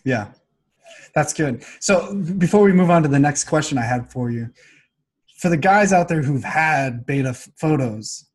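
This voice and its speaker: A man's voice: fairly high pitch, expressive, moderate pace, slightly rough. A man hosting a podcast interview, speaking in a loose, encouraging way with plenty of fillers. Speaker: podcast host. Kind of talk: casual interview.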